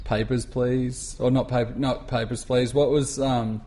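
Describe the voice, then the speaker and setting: A man, chatting loosely on a podcast. He meanders through his points and trails off as he searches for words. His manner is relaxed and unhurried. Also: mid-range voice. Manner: laid-back, meandering. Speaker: podcast co-host. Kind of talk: casual chat.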